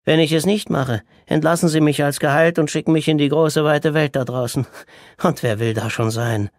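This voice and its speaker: A man's voice: normal speed, no room sound, studio quality, close to an everyday voice. A man voicing an agitated, theatrical male psychiatric patient in an audiobook, declaiming and mocking in a raised voice. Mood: provocative. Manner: declaiming, mocking, pitched up excitedly. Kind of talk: audiobook character reading.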